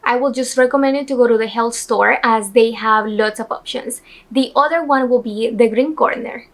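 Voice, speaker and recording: A woman's voice: fairly high pitch, moderate pace. A young woman from El Salvador, chatting upbeat and straight to the camera as she hosts a casual travel vlog from a couch indoors. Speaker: vlog host. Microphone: camera in front of her; handheld phone at arm's length while walking.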